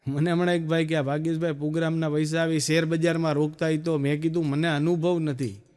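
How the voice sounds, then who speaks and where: A man with a Gujarati accent telling stand-up jokes, storytelling and acting out quick dialogue. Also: a little high, level tone, darkish tone, smooth. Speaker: stand-up comedian.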